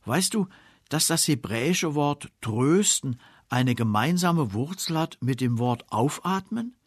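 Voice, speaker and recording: A man voicing his sick friend in a hospital bed, gentle and a little teasing. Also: on the high side, expressive, measured pace, slightly rough, no echo, studio quality.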